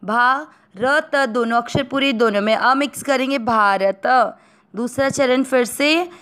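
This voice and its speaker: An Indian woman teaching Sanskrit pronunciation, breaking words into syllables and then chanting each verse slowly. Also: high voice, fairly bright tone, clean tone. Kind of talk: slow syllable-by-syllable recitation lesson.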